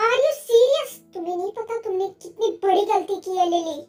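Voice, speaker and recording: A woman's voice: very high-pitched, steady tone. A woman reading as a hot-tempered young boss. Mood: furious. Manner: demanding, quick to shout. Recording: faint background music.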